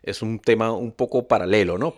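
A man with a fairly low voice talks on a casual podcast. He tells stories at an easy pace and keeps checking in with his co-host. His delivery is relaxed and conversational. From Venezuela. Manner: unhurried storytelling with frequent "¿no?" checks. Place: living in Germany.

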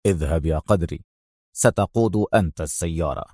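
A cool male secret agent, calm and unhurried, his low voice carrying a dry, mocking edge, as a man reads him in a storybook. The sound is close and dry. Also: no room sound.

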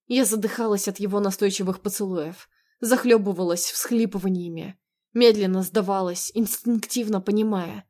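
A woman giving an expressive, dramatic first-person audiobook narration. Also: mid-range voice, normal speed.

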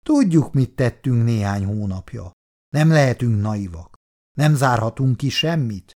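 A man's voice: medium pitch, expressive, darkish tone, natural voice. A man doing a grumbling suspicious colonist. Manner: muttering, grumbling.

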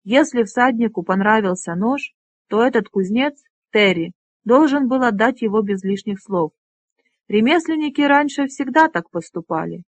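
An audiobook reader voicing an elderly male dragonrider leader in a stern, deliberate manner. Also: medium pitch, expressive, dry recording.

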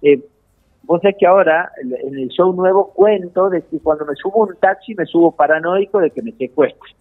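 Man, Argentine accent, comedian guest, animated storyteller, high voice, phone-line sound. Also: normal speed. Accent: Argentine Spanish. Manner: animated storyteller acting out dialogue.

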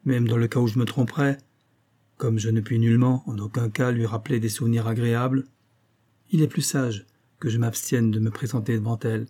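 A man voicing a male doctor, a cold and measured friend who speaks calmly and evenly. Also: medium pitch, natural voice. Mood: cool. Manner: measured, cool.

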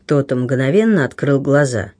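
An audiobook narrator with a mid-range male voice reads an adventure novel aloud. His scripted storytelling is measured and expressive.

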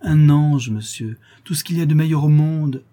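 A man voicing a fervent, grateful young working-class woman, speaking in exclamations with a raised pitch. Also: fairly quick, warm tone, slightly rough, natural voice.

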